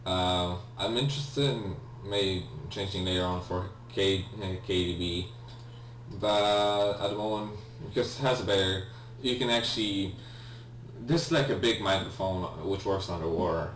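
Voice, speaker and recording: At normal speed and in a low, slightly bright voice, a young let's-play gamer with a Polish accent comments on his game. A native Polish speaker, he's hesitant and apologetic, stumbling into ums and restarts. He's recorded from a distance in an echoey room, with a faint hum present.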